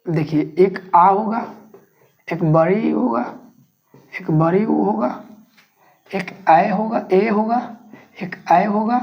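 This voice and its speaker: A woman teaching grammar, dictating notes slowly and repeating each phrase for students to write down. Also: mid-range voice, a little mellow. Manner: slow, repeats phrases word by word for note-taking. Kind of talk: dictation-style classroom lesson.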